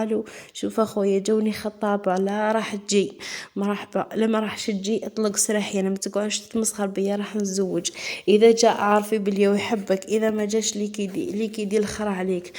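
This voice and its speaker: A woman delivers a heartfelt advice monologue to young women, repeating her points earnestly and checking whether they understand. She speaks quickly in a fairly flat, even line. Her tone is mellow and dark. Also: medium pitch. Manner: earnest, repetitive, keeps asking "understand?". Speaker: advice vlogger.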